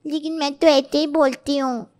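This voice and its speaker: A woman voicing a sweet young bride who speaks with a childlike lisp, in a high innocent voice. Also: little pitch movement, measured pace, a bit bright, full character voice. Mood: pleading.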